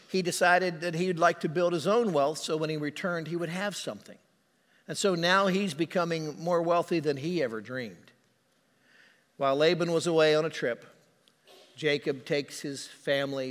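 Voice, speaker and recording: A man's voice: fairly high pitch, a bit bright, in a large hall. A male pastor preaching a sermon in a conversational, storytelling manner.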